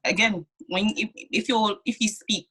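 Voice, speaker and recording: A woman's voice: medium pitch, a little slow, pushed and bright, slightly rough. A woman co-hosting a casual chat, talking emphatically and repeating words as she builds up her point. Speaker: co-host.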